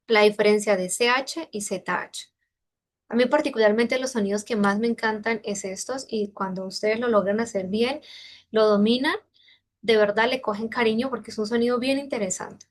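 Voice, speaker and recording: Woman teaching sounds with slow demonstrations. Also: a little high. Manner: demonstrates sounds slowly and repeatedly; explanatory, checks understanding with questions. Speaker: Mandarin teacher. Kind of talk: online pronunciation lesson.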